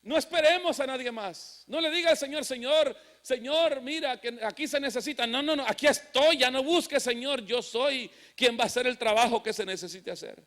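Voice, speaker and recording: High-voiced fervent preacher man. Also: normal speed, hardly any pauses, fairly bright tone. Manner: fervent, rising to emphatic declarations. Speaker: pastor. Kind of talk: sermon. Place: church sanctuary.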